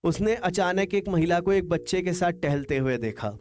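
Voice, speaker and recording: A man teaching an English lesson, reading each English line slowly and then explaining it in Hindi. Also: sits high, lively intonation. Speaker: English tutor.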